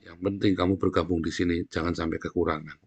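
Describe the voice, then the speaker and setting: Gravelly-voiced man preaching a blunt sermon. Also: little pitch movement, fast talker, dull audio. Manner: blunt and coarse, often addressing the congregation as "saudara"; bursts into loud shouting, then drops low. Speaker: pastor. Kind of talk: fiery sermon.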